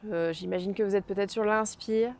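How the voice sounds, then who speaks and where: A woman instructor leading a guided breathing lesson, speaking to the viewer in short, instructive phrases with pauses between them. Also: medium pitch, fairly even intonation, a little mellow.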